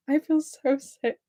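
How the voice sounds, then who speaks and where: This woman in her twenties, a YouTuber from near Blackpool in England, has a high, warm voice and an accent blending Lancashire and Scouse. Hosting a livestream, she chats nervously and giggles as she reads out viewer comments.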